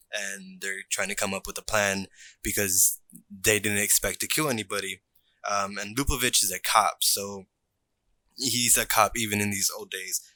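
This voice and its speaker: Man, podcast co-host, low pitch, bright tone, dry sound, casual recap. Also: no echo. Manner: steady, detailed plot retelling. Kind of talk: casual movie recap chat.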